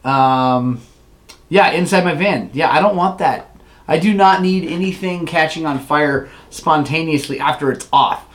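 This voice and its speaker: A man's voice: a little high, unhurried, a bit bright. Chatty man rambling on a livestream. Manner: rambling storyteller, loose and chatty, laughs often; reads viewer comments aloud. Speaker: livestream host. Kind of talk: casual livestream chat.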